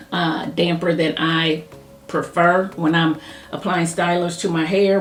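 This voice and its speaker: A woman chatting casually as she reviews a hair product, talking fast and thinking aloud while she styles her hair. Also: low-pitched. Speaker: hair care YouTuber. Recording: echoey room with faint music.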